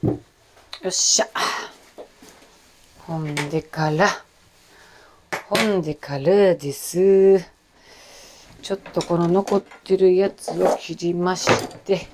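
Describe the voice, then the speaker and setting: A woman in her forties with a Kansai accent and a loud, rough-throated voice, chatting in a rambling, self-deprecating way while she cooks. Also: on the low side, steady tone, takes it slowly, long pauses, background noise. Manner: chatty, self-deprecating, jumps between topics. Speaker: cooking vlogger. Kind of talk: casual chat while cooking.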